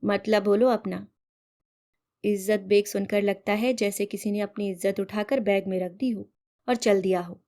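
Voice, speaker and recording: A woman storyteller giving an expressive, measured read-aloud narration of a short story. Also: mid-range voice.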